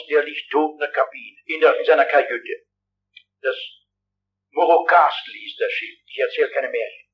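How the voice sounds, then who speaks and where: A man in his sixties preaching a revival sermon in a large hall, urgent and fervent, speaking straight to his listeners. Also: on the high side. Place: large hall with a big audience. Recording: dull lo-fi archival recording.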